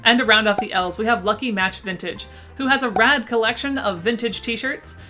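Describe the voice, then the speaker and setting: A woman with a lisp that makes her s sound slushy presents a vintage shop roundup, enthusiastically narrating a scripted list to camera over background music. Her voice is on the high side, pushed and bright, at normal speed.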